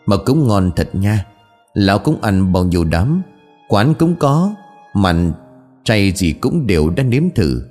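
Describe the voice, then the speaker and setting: A man doing a gruff old exorcist master. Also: on the low side, big pitch swings, takes it slowly, darkish tone, faint music behind. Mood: satisfied. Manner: gruff, blunt, scolding. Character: old male exorcist master, gluttonous and foul-mouthed.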